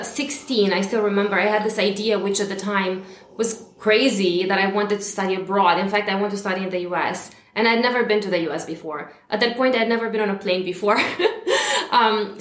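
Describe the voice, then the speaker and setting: A woman in her thirties, originally from Romania, talks as a guest on a podcast, with a voice of middle pitch. She speaks in a warm, chatty way, laughing often and filling pauses with small hesitations. The recording has a roomy echo. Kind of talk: interview podcast.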